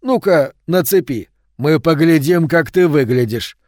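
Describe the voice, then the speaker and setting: A man voicing a hulking teenage bully who drawls slow, loud, mocking threats. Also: fairly high pitch, expressive, no room sound, studio quality, pitched above the performer's own voice. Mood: taunting.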